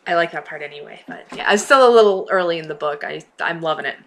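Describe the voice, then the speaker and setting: A woman from the United States with a Northeastern accent, tilting slightly toward New York and New Jersey, reads question prompts aloud and answers them in a casual, playful chat. Her low voice is expressive, fast, and a bit bright, with a little hiss or hum.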